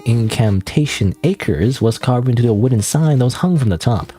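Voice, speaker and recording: A man's voice: medium pitch, expressive, normal speed, mellow, slightly rough, soft background music. A man from Canada, reading game text aloud and commenting casually. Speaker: game streamer.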